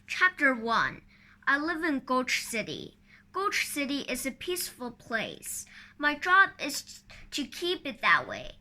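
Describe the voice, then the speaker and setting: A woman reads a children's book aloud, carefully and sometimes halting over a word. Her voice is high and bright, and she takes it slowly. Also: wildly swooping pitch. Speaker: storybook reader.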